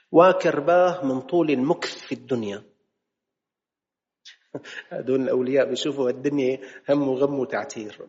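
A man's voice: medium pitch, a little mellow. A man gives an emphatic religious lesson in a mosque hall. He draws out his quotations and keeps posing rhetorical questions. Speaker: preacher. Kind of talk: religious lesson in colloquial speech. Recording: reverberant hall, slightly dull sound.

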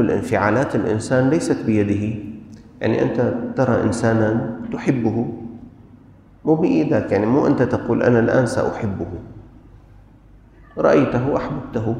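A man's voice: medium pitch, gravelly, a little mellow. Man teaching a religious lesson in an echoey hall. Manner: explains with rhetorical questions and everyday examples. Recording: strong echo with long hall reverb.

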